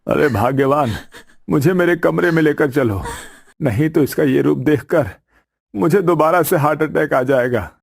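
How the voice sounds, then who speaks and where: A man's voice: fairly high pitch, normal speed, gravelly, husky, voice pushed up. Man doing a frail, fearful old father-in-law. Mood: frightened.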